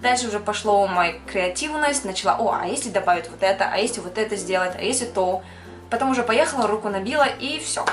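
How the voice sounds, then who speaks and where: A young woman from Kyrgyzstan who works as a makeup artist chats to camera fast and expressively in a mid-range voice, fielding viewers' questions. She sprinkles in English words and laughs here and there. There's music in the background and the room echoes.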